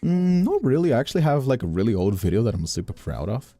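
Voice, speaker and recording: This male host chats loosely on his stream in a warm, sing-song, medium-pitched voice at a quick pace, circling back to repeat phrases with emphasis. The recording has no room sound, just faint music behind him, captured close on a studio condenser microphone.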